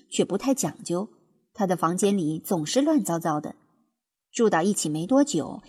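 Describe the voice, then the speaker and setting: A woman narrating a children's storybook in an expressive, lively storytelling manner. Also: mid-range voice, slightly rough. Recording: music playing behind.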